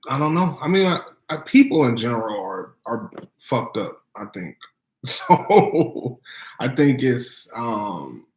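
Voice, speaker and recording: A man's voice: mid-range voice, very animated, unhurried. American guy in a roomy echoey space, casual chat, slangy, keeps restarting his point. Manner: hesitant, repeats himself, slangy. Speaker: vlog co-host. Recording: roomy, echoing sound.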